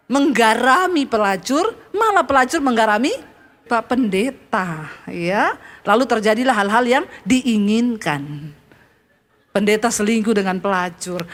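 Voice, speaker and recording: A woman pastor from Indonesia preaches in a high voice. Her delivery is animated and storytelling, swinging between high and low as she speaks. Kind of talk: sermon.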